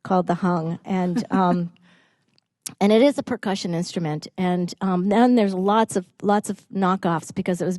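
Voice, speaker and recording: A woman musician casually introducing instruments between songs, friendly and halting, with fillers and small laughs. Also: medium pitch, dark tone, no room sound.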